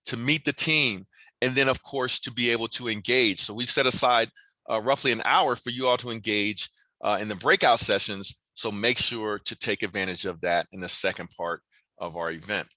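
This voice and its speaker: A man's voice: fairly low pitch, moderate pace, sharp tone, no echo, low-quality recording. An American man hosting an online event with a semi-scripted introduction, courteous, organized and businesslike. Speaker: host, moderator of a recruitment event.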